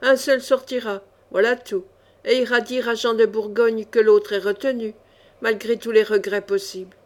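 Cool ironic young male swordsman read by a woman; icy, mocking, unhurried. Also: a little high, fairly even intonation, natural voice.

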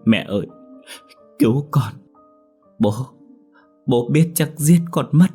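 A terrified young village daughter sobs and stammers through her words in a strained, raised voice, as a male storyteller puts her on. The tone is husky and breathy, with faint music underneath the audio story. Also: mid-range voice, animated, takes it slowly, warm tone, voice pushed up. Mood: sobbing. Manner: sobbing, stammering. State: crying.

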